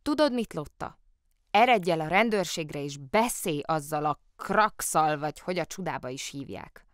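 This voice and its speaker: A woman voicing a kindly older grandmother who worries and gently gives advice. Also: deep voice, lively intonation, no room sound, clean studio sound. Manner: gentle, advising.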